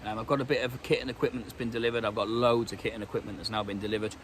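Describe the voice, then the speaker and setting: A British vlogger with a cold talks very fast in a flat, medium-pitched voice, standing outdoors in woodland. He rambles casually, peppered with ums and restarts, with slight background noise in the clip.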